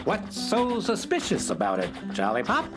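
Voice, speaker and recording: A woman playing the captain of a flying dream ship in a theatrical, deliberate way for a children's radio play. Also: mid-range voice, huge pitch swings, music in the background. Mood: questioning.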